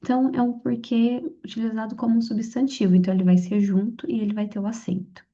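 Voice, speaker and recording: A woman explaining grammar for a civil-service exam in a relaxed, chatty lesson, often checking in with her listener. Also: a little high, quick pace. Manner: conversational, frequent "tá?" and "então". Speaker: exam prep tutor. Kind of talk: casual spoken lesson. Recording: slightly dull lo-fi audio.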